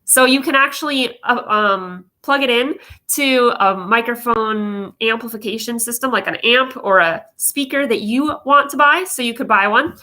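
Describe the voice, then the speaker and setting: Female vocal coach, higher-pitched and very bright, explanatory and emphatic, talking informally to online viewers. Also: moderate pace, hardly any pauses. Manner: explanatory, emphatic, with frequent check-in questions. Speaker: vocal coach presenting advice videos. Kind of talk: informal instructional talk to viewers.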